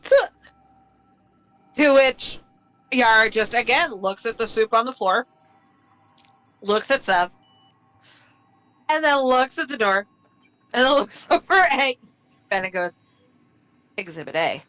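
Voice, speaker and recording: A woman's voice: on the high side, lively intonation, slow, pauses often, a bit bright, low-quality recording. A woman narrating her character's actions in a tabletop game, amused and giggling often. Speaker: player.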